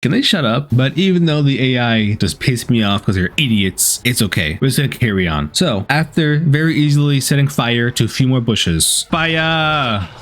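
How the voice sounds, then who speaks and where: Young male gaming narrator, dry sarcastic asides, mid pitch. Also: lively intonation, moderate pace, few pauses. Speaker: gaming YouTuber. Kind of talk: casual gameplay commentary.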